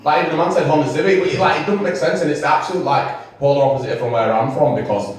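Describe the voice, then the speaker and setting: A man's voice: fairly high pitch, steady tone, fast. A young man doing a stand-up set, chatting and teasing the audience between jokes, with laughter from the crowd. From England. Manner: chatty, rambling, swears, teases the audience. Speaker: stand-up comedian. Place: small comedy venue with a live audience. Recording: echoey room, mic picked up from a distance.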